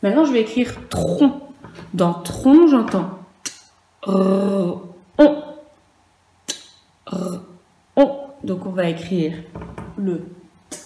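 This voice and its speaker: A woman teaching a first-grade dictation lesson in a virtual class, speaking slowly and clearly and spelling out letters and sounds. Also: fairly high pitch, mellow, reverberant, a little hiss or hum, poor audio.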